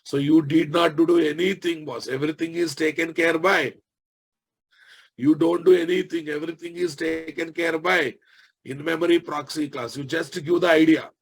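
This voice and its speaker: A man with a Telugu Indian accent, slightly rough and gravelly, speaks on the high side with fairly even intonation at a moderate pace. Teaching software in an informal technical lecture, he repeats phrases and often checks via tag questions that listeners are following along.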